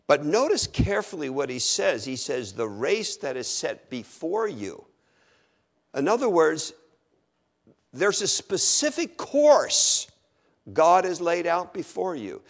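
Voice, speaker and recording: A middle-aged man preaching a sermon, acting out his listeners' objections in an animated way. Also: on the high side.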